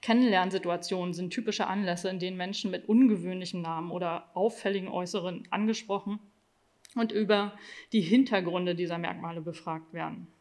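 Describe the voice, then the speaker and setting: A woman presenting her own research in an academic talk, reading from slides and often pausing on filler sounds. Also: on the low side, fairly even intonation, darkish tone. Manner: hesitant, frequent filler sounds between phrases.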